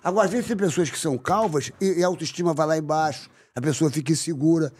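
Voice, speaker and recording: A man hosting a podcast, joking loudly and breaking into shouts in casual comedic chat. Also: on the high side, quick pace, slight background noise. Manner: boisterous, joking, bursts of shouting. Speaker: podcast host.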